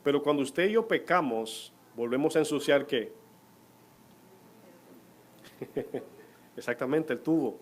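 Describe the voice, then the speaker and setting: A man's voice: a little high, a little slow, long pauses, slight background noise. A man preaching a sermon in church, putting questions to the congregation as he goes. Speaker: pastor.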